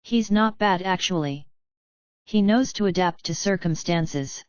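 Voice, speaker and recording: A woman voicing a calm, powerful male demon master who speaks in an unruffled, gently commanding way, in a dry, slightly dull recording. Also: on the low side, a little slow, dry recording, close to an everyday voice.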